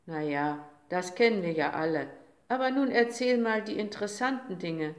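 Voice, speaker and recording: A woman's voice: mid-range voice, lively intonation, moderate pace, close to an everyday voice. Woman doing a brusque father day. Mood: dismissive. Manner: brusque, impatient questioning. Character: father day, older male, gruff but caring. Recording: roomy echo.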